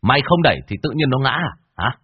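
A man's voice: mid-range voice, very animated, quick pace, slightly rough, no echo, muffled recording, voice pushed up. A man playing a stern, scolding exorcist. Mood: harsh scolding. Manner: harsh, scolding, threatening. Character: stern, mocking young male exorcist.

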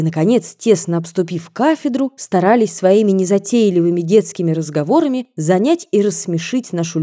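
A woman reads a classic novel aloud, telling the story at a measured, expressive pace. Her voice is mellow and dark in tone, with a relaxed, unhurried delivery. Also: mid-range voice. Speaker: audiobook narrator.

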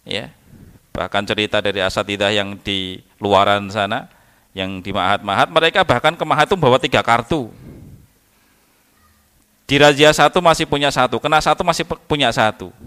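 A man giving a religious study lecture in a conversational, animated way, acting out children and parents as he talks. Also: mid-range voice. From Indonesia. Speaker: Islamic teacher.

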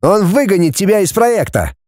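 A man's voice: sits high, huge pitch swings, normal speed, darkish tone, dry recording, clean studio sound, pitched above the performer's own voice. A man voicing a good-natured young man turned cruel blackmailer, purring one moment and cold the next. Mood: coldly wheedling. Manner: cheerfully menacing, purring then cold. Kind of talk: audiobook character voice.

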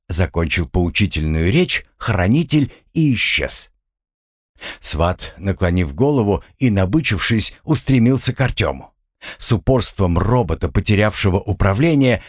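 A man reading a fantasy novel aloud as an audiobook narrator, in a measured storytelling manner. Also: lowish voice, no room sound, studio quality.

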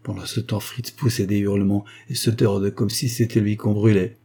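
Mellow husky male audiobook narrator. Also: lowish voice, flat delivery, moderate pace. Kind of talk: scripted narration.

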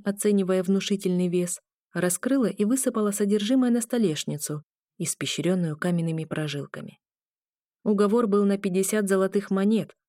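A woman reading a first-person fantasy audiobook with wry, lively storytelling. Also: mid-range voice, no room sound, clean studio sound. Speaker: audiobook narrator.

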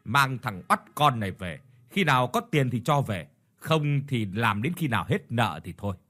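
A vicious landlord in an audio ghost story snarls and shouts at the poor families in his debt, put on by a male narrator. The voice is husky and rough, and it lurches up in pitch with each bark of rage. He never softens. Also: very animated, normal speed. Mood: contemptuous. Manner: shouting, hissing threats. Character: cruel bullying rich landlord, man, hot-tempered.

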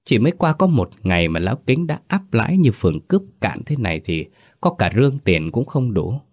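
A man's voice: medium pitch, very animated, a little fast, a little mellow, slightly rough, no echo, studio quality. A man giving dramatic, scripted narration of a horror story.

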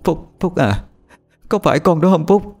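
A distraught middle-aged mother, sobbing and begging, as a male storyteller puts her on. The voice jumps well above his own, strained and high. Faint music hums under the storytelling. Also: lively intonation, unhurried, a little mellow, husky, exaggerated voice. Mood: sobbing, pleading. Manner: sobbing, pleading.

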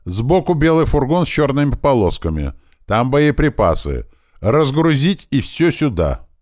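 A man voicing a brash male gang leader who barks loud, drawn-out orders in an audiobook. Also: fairly low pitch, wildly swooping pitch, no echo, clean studio sound, voice pushed up, full character voice. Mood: commanding.

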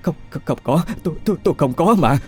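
A man's voice: fairly high pitch, expressive, normal speed, a little mellow, faint music behind, pitched above the performer's own voice. A man voicing a guilty, frightened stepmother who stammers and pleads. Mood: frightened pleading.

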